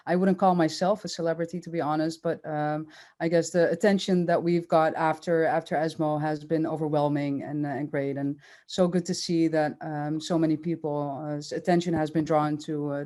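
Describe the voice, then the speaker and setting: Measured low-voiced woman guest. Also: dark tone. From Curaçao. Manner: measured, thoughtful, many fillers. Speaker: oncologist guest. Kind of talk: podcast interview.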